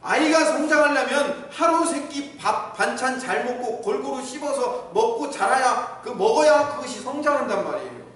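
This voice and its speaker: A man's voice: very high voice, lively intonation, normal speed, hardly any pauses, a bit bright. A middle-aged male pastor preaching a sermon, teaching and asking the congregation questions. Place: church sanctuary. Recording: echoey hall, mic from far off.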